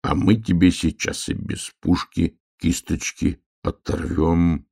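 Guy doing a serious little bear cub, low gravelly voice, slow and firm. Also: fairly even intonation, warm tone, full character voice. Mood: stern. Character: quiet, stern young bear cub.

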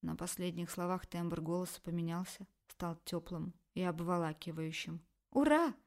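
A woman reading a first-person erotic novel aloud in an expressive, emotional way. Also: fairly low pitch, moderate pace. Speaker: audiobook narrator.

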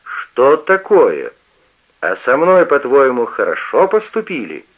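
Guy reading as a harsh old dad barking orders, raised louder voice, dull old radio sound. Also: medium pitch, very animated, measured pace, voice pushed up. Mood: indignant. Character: stern, domineering old father, a cab owner.

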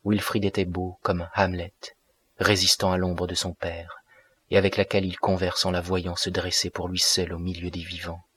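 A man narrating a classic novel as an audiobook, in a measured, even way. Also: deep voice, husky, no room sound.

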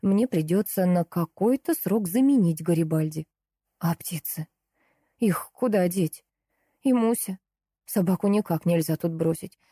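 A woman reading an audiobook, telling a first-person story in a lively way. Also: on the low side, unhurried, slightly rough, no echo, studio quality. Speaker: audiobook narrator. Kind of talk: scripted audiobook narration.

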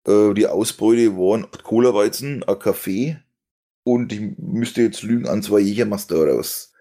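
A young man, his low voice rough with gravelly fry. He tells long, rambling stories in a loose chat, stumbling over fillers and breaking into laughter. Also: moderate pace, mellow. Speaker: stream host telling a story. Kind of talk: casual storytelling chat.

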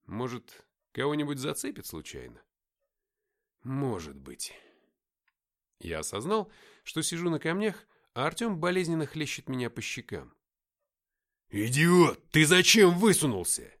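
A man reading a first-person audiobook in a lively, expressive way. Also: medium pitch, moderate pace. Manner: lively, expressive reading with loud acted dialogue. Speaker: audiobook narrator.

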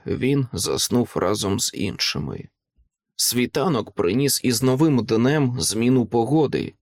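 A man reading a fantasy novel aloud as an audiobook narrator, in a steady, measured storytelling manner. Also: medium pitch, no echo, clean studio sound. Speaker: audiobook reader.

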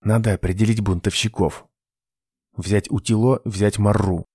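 A man's voice: fairly low pitch, steady tone, moderate pace, darkish tone, slightly rough, dry recording, studio quality. A man voicing a tough, cool-headed young male agent who speaks in terse commands. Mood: low, firm.

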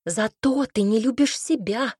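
A blunt, outspoken young woman friend, as a woman narrator puts her on in an audiobook, scolding in a sharp, mocking manner. Her voice is husky, a little higher and louder than the reader's own, with a dry close sound. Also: animated, moderate pace, no room sound.

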